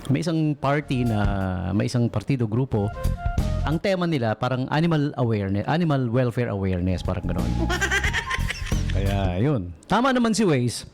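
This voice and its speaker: Chatting and joking on his late-night radio show, a man from the Philippines blends English with Tagalog and playfully imitates cat calls. He speaks in a very animated mid-range voice at normal speed, broadcast from a radio studio with music behind.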